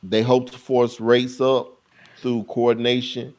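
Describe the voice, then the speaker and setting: A man's voice: mid-range voice, little pitch movement, measured pace, a little mellow. A man co-hosting a casual talk show, reading a news item aloud and then commenting on it. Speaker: podcast co-host. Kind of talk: casual chat.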